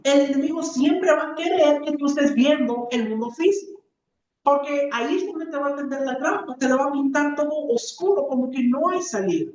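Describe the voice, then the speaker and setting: A woman preacher giving an earnest teaching sermon, often pausing on rhetorical questions. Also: sits high, darkish tone, a little hiss or hum. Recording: echoey, distant, dull room recording.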